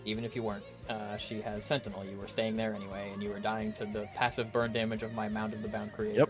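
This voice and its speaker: A man running a tabletop game as game master, narrating scenes in a hushed, drawn-out way. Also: lowish voice, completely flat delivery, music in the background.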